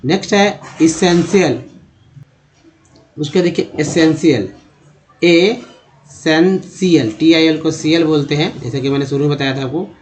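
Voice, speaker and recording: A man teaching English reading in Hindi. He spells words out letter by letter, sounds them slowly and calls his viewers friends. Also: on the high side, a little mellow.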